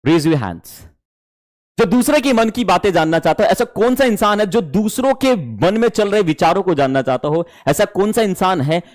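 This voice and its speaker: A man teaching an online class, lively and animated, mixing Hindi and English. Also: high voice, moderate pace.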